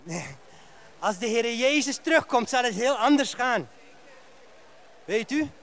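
A male pastor preaching a sermon in a church, telling a story with lively rhetorical questions. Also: very high voice, a little slow.

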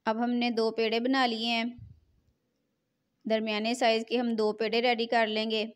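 A woman's voice: on the high side, completely flat delivery, normal speed, smooth. A middle-aged woman, hosting a home cooking tutorial in a chatty, repetitive voice-over. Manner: chatty, repeats filler phrase "jo hai na". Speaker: cooking channel host.

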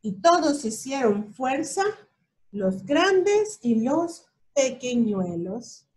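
A woman reading a children's storybook aloud, slow and expressive, pausing to point things out to a young listener. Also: sits high.

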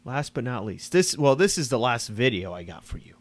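Male commentary host, sarcastic and mocking, very lively pitch. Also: a little fast, slight background noise. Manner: sarcastic, mocking, jokey asides. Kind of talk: casual political commentary.

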